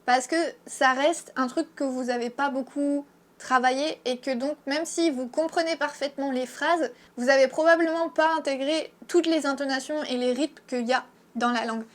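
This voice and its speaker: Young French-accented woman, high voice, casual teacher explaining to camera, frank and chatty. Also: fairly even intonation, moderate pace. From France. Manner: chatty, frank, lots of fillers. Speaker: Japanese teacher and YouTuber. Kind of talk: casual video lesson.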